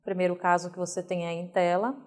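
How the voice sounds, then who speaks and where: A woman teacher with a Brazilian Portuguese accent gives a recorded video lesson, reading example sentences slowly and with careful emphasis. Her voice is lowish and level in tone.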